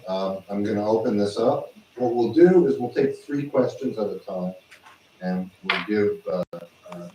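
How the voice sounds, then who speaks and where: A man's voice: lowish voice, warm tone. A man moderating a question session, hesitant with many fillers. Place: large lecture hall. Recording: echoey hall, far mic, faint hum.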